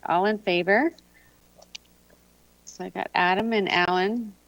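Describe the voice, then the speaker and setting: A woman's voice: medium pitch, steady tone, unhurried, fairly bright tone, dry recording. A woman chairing a committee meeting in formal, procedural language. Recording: dull, dry meeting audio.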